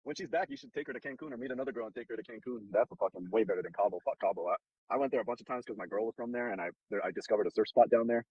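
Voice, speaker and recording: Blunt, fast-talking profane man. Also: medium pitch, slightly rough, muffled recording. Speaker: host giving dating advice. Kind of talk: casual advice chat. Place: in a car.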